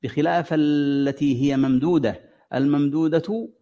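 A man with a mellow voice on the high side leads a tajweed class, speaking at a moderate pace. He patiently stretches out sounds to demonstrate Quran recitation and asks his students questions, and the lo-fi recording sounds dull.

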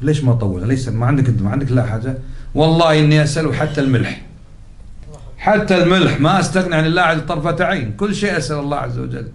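A man's voice: on the high side, very fast. A man teaching a religious lesson, explaining patiently, repeating key words and putting questions to his class. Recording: roomy echoey recording.

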